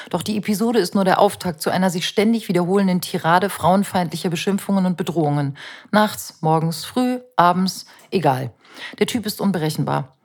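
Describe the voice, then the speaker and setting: A woman reading her own memoir aloud in a measured, introspective and anxious way. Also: fairly low pitch, a little mellow, slightly rough. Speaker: narrator.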